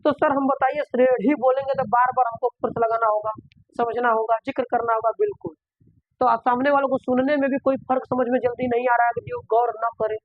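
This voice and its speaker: A man's voice: extremely high pitch, fairly even intonation, brisk, dry recording. A man teaching a school math lesson, asking questions and answering them himself, repeating points often. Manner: repetitive, asks and answers his own questions. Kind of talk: classroom lesson. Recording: dull, dry lo-fi recording.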